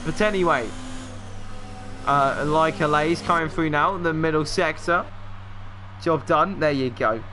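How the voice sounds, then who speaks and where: Guy doing jokey race stream commentary, kinda high voice, says w for r, engine noise behind. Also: measured pace, long pauses. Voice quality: can't pronounce R and TH sounds, says w for r. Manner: chatty, jokey, excitable. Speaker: livestream race commentator and host. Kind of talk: casual live sim-racing commentary with banter. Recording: noisy mic with engine rumble.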